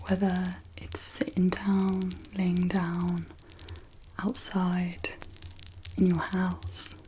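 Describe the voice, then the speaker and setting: A woman gives a gentle, reassuring whispered pep talk as guided ASMR relaxation, in a soft breathy whisper with pauses. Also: lowish voice, a little hiss or hum. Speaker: ASMR host guiding relaxation.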